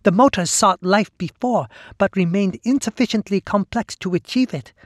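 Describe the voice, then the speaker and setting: A man's voice: high voice, moderate pace, no room sound, studio quality, pitched above the performer's own voice. A man voicing a female hive-monster fused into a mass of flesh, speaking in an oily, taunting, zealous way. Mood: grandiose.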